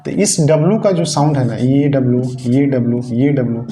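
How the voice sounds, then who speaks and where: Speaking briskly and expressively in a warm, mid-range voice, a man gives a Hindi classroom-style grammar lesson. He explains each step, goes back over the key points, and questions his students; the room echoes and carries faint noise.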